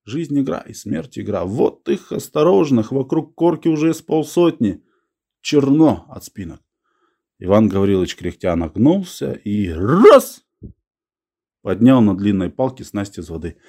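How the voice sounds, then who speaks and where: A man reading a story aloud as an audiobook, acting out the characters' lines with lively expression. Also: medium pitch, moderate pace. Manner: expressive, acts out the dialogue. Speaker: narrator.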